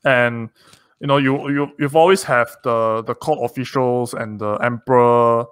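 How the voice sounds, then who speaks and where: A Singaporean man with a mid-pitched voice, recorded close and dry. He speaks as a host, explaining casually and conversationally to the group. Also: fairly even intonation, measured pace, fairly bright tone, clear, resonant tone, no echo.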